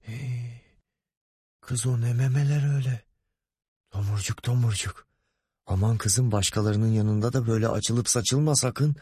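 A man's voice: medium pitch, normal speed, mellow, husky, no echo, clean studio sound, pitched above the performer's own voice, close to an everyday voice. A man voicing a pompous, lecherous middle-aged male boss in an audiobook, wheedling and bossy by turns. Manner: wheedling, grumbling, commanding.

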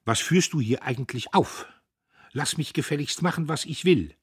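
A man's voice: on the low side, big pitch swings, brisk, fairly bright tone, breathy edge, no echo, clean studio sound, voice pushed up, exaggerated voice. A man voicing a bitter, angry young woman who answers curtly. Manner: curt, angry.

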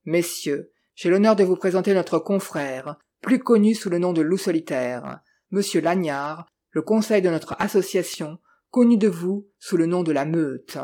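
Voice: medium pitch, a little slow, dark tone. A reader voicing a formal, touchy French count making a solemn introduction. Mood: ceremonious. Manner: formal and ceremonious.

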